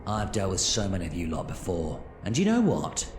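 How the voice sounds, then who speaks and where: Eccentric male alien adventurer played by an actor, hugely animated pitch swings, theatrical and commanding, music behind, audio drama. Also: a little fast. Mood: grave, warning. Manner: theatrical, excitable, swooping. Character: eccentric time-travelling alien adventurer, exuberant, brisk, commanding.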